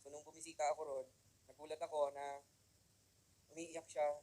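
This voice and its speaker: A man giving an animated motivational seminar talk to a live audience in a room, mixing Tagalog and English and often checking in with the crowd. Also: fairly high pitch, moderate pace, poor audio. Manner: animated, keeps asking the audience "di ba?". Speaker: motivational speaker.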